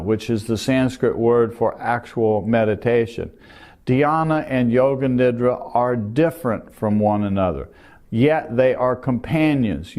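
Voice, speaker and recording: An older man teaching meditation, explaining calmly and gently while pointing to a diagram. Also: medium pitch. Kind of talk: calm spoken lesson.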